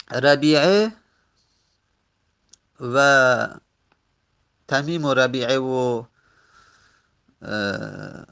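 A man teaching an Arabic grammar lesson, reciting verb forms slowly and repeating them, pausing often and correcting himself. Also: mid-range voice, vocal fry, fairly bright tone. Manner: slow, repetitive recitation of word forms; self-correcting, with frequent pauses.

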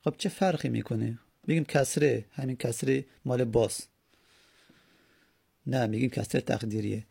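A man's voice: medium pitch, steady tone, gravelly, long pauses, dark tone, slightly rough, dry recording, clean studio sound. A man teaching a grammar lesson, patiently repeating and spelling out each step. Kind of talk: Arabic grammar lesson in Persian.

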